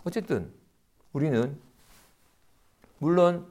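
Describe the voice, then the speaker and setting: Middle-aged monk, dharma lecture, animated, acts out quotes, fairly high voice. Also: male voice, slow. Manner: conversational, often adds tag questions.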